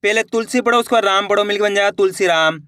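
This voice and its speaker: A man teaching Hindi reading, sounding out each word slowly syllable by syllable, then repeating the whole word, patient and encouraging toward viewers. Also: high-pitched, sharp tone, no room sound, clean studio sound. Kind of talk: online reading lesson.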